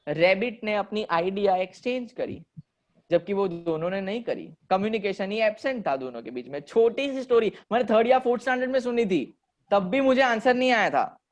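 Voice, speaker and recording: A man teaching an online commerce class and telling a story to his students while he quizzes them. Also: high-pitched. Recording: dull lo-fi audio.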